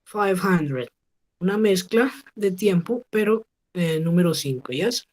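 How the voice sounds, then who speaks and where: A woman teaching an English class over a video call. She models each phrase slowly and keeps checking with her students. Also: lowish voice, expressive, a little mellow. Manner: patient, slow model pronunciation with frequent check questions. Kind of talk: online class instruction.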